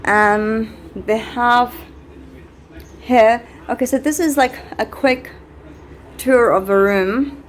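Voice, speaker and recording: A woman giving a casual, unscripted hotel tour for a vlog, chatting in a halting way as she shows things around her. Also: a little high. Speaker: vlogger touring a hotel. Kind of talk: casual handheld vlog narration. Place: small hotel room, later the hotel lobby, corridors and elevator. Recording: noisy handheld recording with background ambience.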